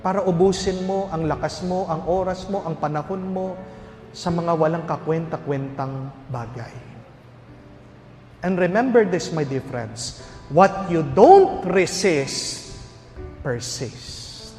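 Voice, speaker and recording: A priest with a Filipino accent preaching at a recollection, telling a humorous story full of rhetorical questions. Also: male voice, fairly high pitch, unhurried, a little mellow. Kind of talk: sermon at a recollection. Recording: hall reverb with faint music.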